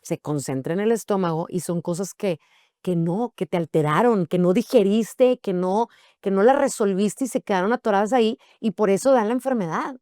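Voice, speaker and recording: A woman's voice: medium pitch, normal speed, mellow, dry recording, studio quality. A woman hosting a talk show, chatting casually and eagerly, speaking straight to the viewers. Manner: enthusiastic, addresses viewers directly. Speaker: host.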